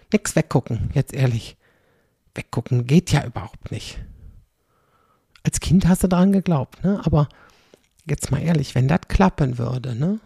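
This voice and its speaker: Tacking "ne?" onto sentence after sentence, a middle-aged comedian rambles chattily through a stand-up monologue. His voice is medium-pitched, creaky and mellow with a breathy edge, captured at studio quality with no room sound.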